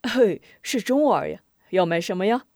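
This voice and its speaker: A kindly old village shopkeeper from a storybook, good-natured and chuckling, with a lively lilt, as a woman voices him. The sound is dry and close. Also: mid-range voice, moderate pace, dry recording, lightly acted. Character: kind, jolly old male shopkeeper.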